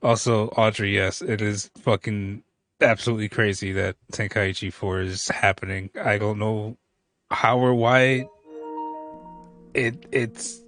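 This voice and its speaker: A man streams a game with a fairly low voice. He chats casually and swears freely, with faint music behind him. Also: fairly even intonation, unhurried, fairly bright tone, dry recording. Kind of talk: casual livestream chat, heavy swearing.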